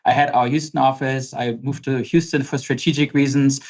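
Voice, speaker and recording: A man's voice: medium pitch, little pitch movement, fairly quick, a little mellow. German-accented guy in his 40s doing a webinar from his office, lots of uhs and ums, kinda dull lo-fi sound. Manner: conversational, many fillers and repeated words. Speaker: pricing consultant presenting a webinar. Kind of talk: webinar presentation. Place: home office. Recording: slightly dull lo-fi audio.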